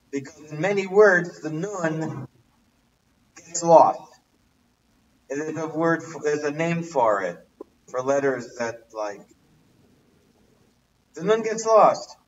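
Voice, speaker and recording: A male teacher with a high voice runs an informal language lesson, quizzing listeners and asking the same questions over and over. The livestream audio is distant, dull, and muffled, as if he's sitting back from the mic, with slight background noise.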